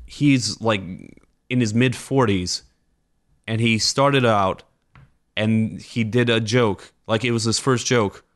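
Man, podcast host, slightly low voice, rambling, self-deprecating, tired. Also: steady tone, slow. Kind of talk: casual chat.

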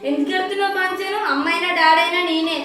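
A woman's voice: very high voice, very fast, sharp tone. A woman playing a village wife and aunt who scolds sharply and comforts by turns. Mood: soothing. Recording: echoey room, music behind.

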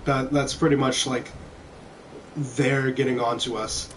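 A young adult man from small-town Kentucky, speaking in an American accent, streams a video game from home and tells rambling, casual stories. His medium-pitched voice barely moves and keeps a measured pace, over background music, in a low-quality recording with slight background noise.

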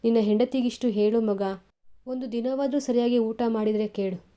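A woman's voice: a little high, steady tone, moderate pace, mellow, natural voice. A woman voicing a grieving elderly mother who pleads through tears for her son in a novel reading. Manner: lamenting, tearful pleading.

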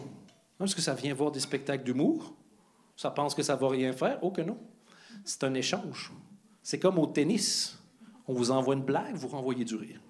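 A man hosting a stand-up comedy night on a club stage, teasing the audience playfully between introductions. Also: high voice.

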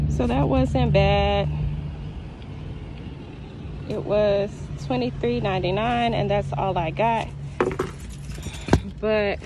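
A woman's voice: medium pitch, heavy background noise. A young woman vlogging her grocery shopping, chatting casually to viewers about prices and deals. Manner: chatty, talks to viewers as y'all. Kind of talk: casual shopping vlog narration. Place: grocery store aisles, then a room at home.

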